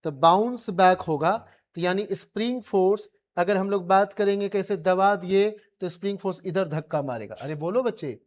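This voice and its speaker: A man's voice: high-pitched, moderate pace, few pauses. A male physics teacher with an Indian accent, giving a colloquial classroom revision lecture and pressing his students with repeated questions.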